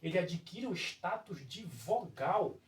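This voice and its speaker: In a room with a whiteboard, a teacher with a Brazilian Portuguese accent works through a grammar lesson step by step, regularly checking in with viewers. The voice swings widely in pitch and moves slowly. It sounds distant from the mic, in a roomy space with a bit of echo.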